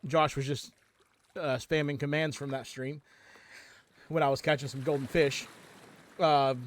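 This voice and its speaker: A man's voice: medium pitch, steady tone, unhurried, a little hiss or hum. A man streaming a game from home, chatting casually into a headset mic and rambling with lots of ums and restarts. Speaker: livestream gamer.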